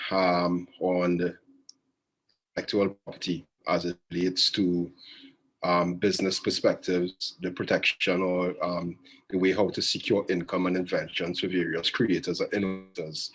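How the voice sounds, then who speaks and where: A man hosting an online event, giving a formal introduction in halting, measured phrases. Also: sits low, low-quality recording. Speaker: host introducing a speaker.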